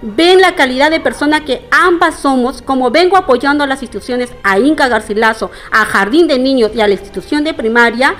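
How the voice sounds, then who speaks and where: A woman's voice: high voice, lively intonation, brisk, hardly any pauses, a bit bright. A middle-aged woman making an indignant, formal public statement, addressing her townspeople directly. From Peru. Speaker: interviewee.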